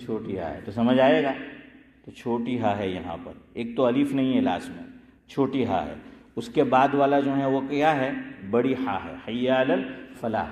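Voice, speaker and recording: A man's voice: mid-range voice, animated, darkish tone. A man, an Islamic scholar, giving an informal lesson on recitation, questioning listeners by name and chanting phrases to show how they are said. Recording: echoey hall with long reverb.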